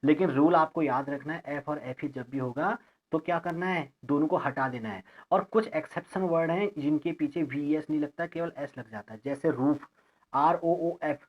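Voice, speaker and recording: A man teaching an English grammar lesson, explaining each word slowly, spelling it out letter by letter and checking in with his students. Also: on the high side. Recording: lo-fi recording.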